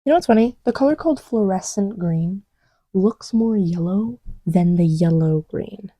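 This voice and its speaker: In a dry recording, a woman audio roleplay creator acts as the listener's partner, chatting casually and intimately as she tests markers. She's playful, rambling, and teasing, frequently lowering to a near-whisper as if beside them. Her mid-range voice is dark and expressive, at a moderate pace.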